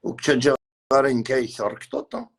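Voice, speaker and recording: A man's voice: medium pitch, brisk, slightly rough. A man on a live stream, ranting in a heated, repetitive way and mixing in words from other languages. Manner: agitated, repetitive, mixes French with Arabic and Kabyle. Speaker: livestreamer.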